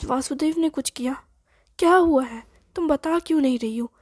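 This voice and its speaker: A worried young boyfriend fires off anxious, insistent questions, as a woman narrator acts him out. The voice stays mellow and on the higher side, read in a dry, close recording. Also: flat delivery, takes it slowly, husky, no room sound. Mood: worried, urgent.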